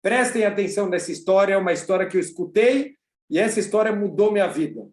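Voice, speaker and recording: A man with a Brazilian accent teaching a religious lesson over a video call in an animated, storytelling way. His voice sits high for a man. The sound is roomy and echoey. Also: fast. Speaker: rabbi teaching a class.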